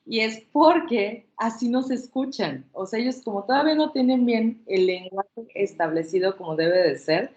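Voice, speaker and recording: A child language workshop presenter speaks in a fairly high, darkish voice at a moderate pace, barely pausing. Giving an informal talk, she reassures her listeners and acts out baby sounds as examples, in an echoey room with slightly dull audio.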